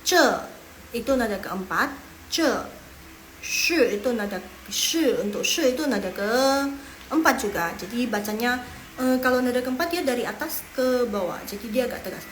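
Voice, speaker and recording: A woman's voice: fairly high pitch, animated, moderate pace, roomy sound, a little hiss or hum, poor audio. A young woman from Medan with a Medan accent, teaching a casual online Mandarin lesson, encouraging and drilling tones aloud. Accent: Medan Indonesian. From Medan, Indonesia. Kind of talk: live online language lesson.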